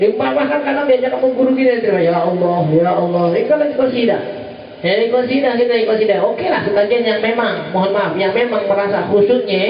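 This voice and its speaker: A man giving a sermon at a religious gathering, teasing in casual slang and mimicking voices. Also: extremely high pitch. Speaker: preacher. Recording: distant, roomy, dull lo-fi recording.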